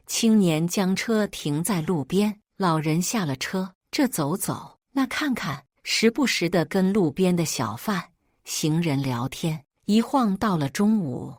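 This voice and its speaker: A woman narrating a scripted story in an expressive storytelling manner. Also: fairly low pitch, no room sound, clean studio sound.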